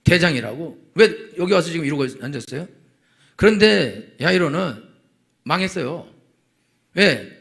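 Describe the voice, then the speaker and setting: Man, pastor, sermon in a church, gravelly voice, fairly high pitch, lively storytelling. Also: a little slow, long pauses. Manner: animated preaching, acting out dialogue. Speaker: senior pastor. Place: church sanctuary.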